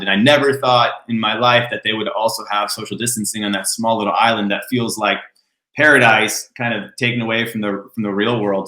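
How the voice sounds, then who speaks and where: A man's voice: lowish voice, echoey room, low-quality recording. A man hosting an interview podcast, chatting casually with his guest and often murmuring agreement while she talks. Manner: relaxed, chatty, frequent "mm-hmm" backchannels. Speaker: podcast host.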